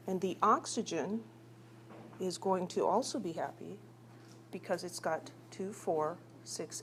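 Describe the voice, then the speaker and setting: A woman's voice: mid-range voice, a little hiss or hum. A woman teaching a chemistry class in a chatty, teasing way, asking her students questions as she works through examples. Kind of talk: recorded classroom lecture.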